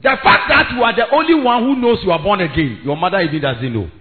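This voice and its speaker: A man's voice: high voice, animated, quick pace, a little hiss or hum. A man with a Ghanaian accent preaching an impassioned evangelistic sermon, emphatic and repetitive, switching between English, Twi and Ghanaian pidgin. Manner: emphatic, repetitive, rising to shouts. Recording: thin phone-like sound, faint music.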